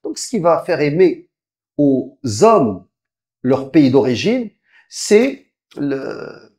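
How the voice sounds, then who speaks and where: Speaking as a preacher, a man gives a step-by-step religious talk marked by frequent stop-and-start restarts. Quick recitations of Arabic verses punctuate it, with animated shifts in how high and loud he sounds.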